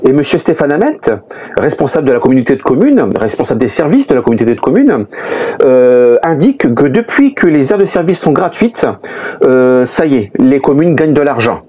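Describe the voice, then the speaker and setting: A man's voice: medium pitch, big pitch swings, fairly quick, dark tone. A French man, a middle-aged family vlogger, explains things step by step in casual talk full of "hein" and "euh". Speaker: vlogger, father of a motorhome-travelling family.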